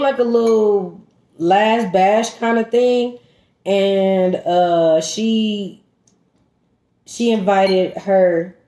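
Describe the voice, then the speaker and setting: Animated woman vlogger in an echoey room. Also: mid-range voice. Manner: animated, emphatic, talks straight to viewers as "y'all". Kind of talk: casual storytime chat.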